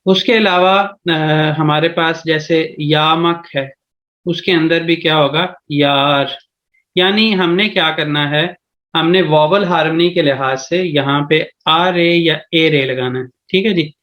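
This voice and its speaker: Taking his time in a somewhat high, slightly bright voice, a Pakistani Urdu-accented teacher gives a language lesson on a video call. He moves methodically from step to step, often checking on listeners with a repeated "theek hai ji."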